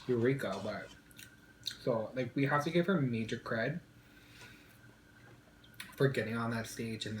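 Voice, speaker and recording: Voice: mid-range voice, a bit bright, echoey room, slight background noise, rough recording. A mukbang vlogger chatting casually and playfully to viewers, chewing and eating while talking. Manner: playful, breaks into song.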